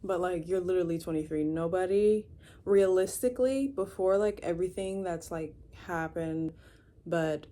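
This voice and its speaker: A woman's voice: fairly low pitch, normal speed, dark tone. A 23-year-old woman rambling casually to camera in her room, chatty, with lots of fillers and restarts. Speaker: vlogger. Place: her own room indoors.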